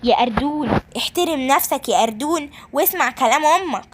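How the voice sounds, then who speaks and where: A woman's voice: high-pitched, animated, fast, noisy background. A woman with an Egyptian accent telling a children's story as a scolding mother who also speaks to viewers. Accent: Egyptian Arabic.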